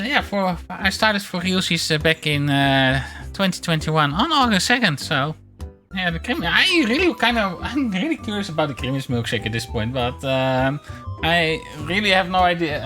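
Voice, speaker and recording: A streamer of unclear sex chatting casually in a hesitant, rambling way and reading bits aloud, with a mid-pitched voice. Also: pushed and bright. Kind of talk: casual livestream chat, reading articles aloud. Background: background music.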